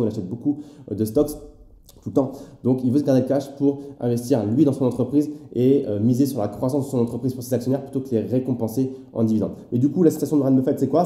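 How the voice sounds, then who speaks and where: A man talks fast and informally, as if chatting with a friend, with frequent filler words. His voice is dark and mellow. The sound carries a noticeable room echo. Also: mid-range voice. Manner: chatty, addresses viewer informally, many fillers. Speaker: finance YouTuber. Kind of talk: casual explanatory video.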